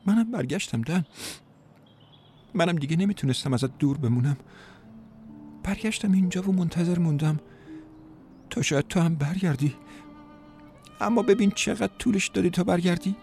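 A man's voice: very animated, pauses often, soft background music. A man voicing a tearful, pleading young woman. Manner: high, soft, pleading.

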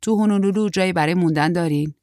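A woman's voice: fairly low pitch, a little mellow, no echo, natural voice. A woman voicing a brusque, terse middle-aged woman who talks in a dry, impatient way.

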